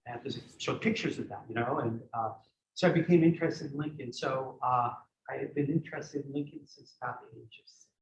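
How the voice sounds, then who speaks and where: In a community center lecture room, a Greek-born man with a medium-pitched voice talks a little fast while delivering a history lecture and fielding audience questions. He thinks aloud, digresses, and restarts often. Slight background noise accompanies the echoey, dull lo-fi sound.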